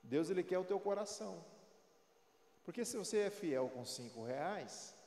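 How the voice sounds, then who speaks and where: A man's voice: high voice, animated, normal speed, a little mellow. Man in his forties preaching, echoey hall. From Brazil. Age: 40s. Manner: storytelling, conversational, preachy. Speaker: pastor. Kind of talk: sermon. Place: large church hall. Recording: echoey, reverberant church hall.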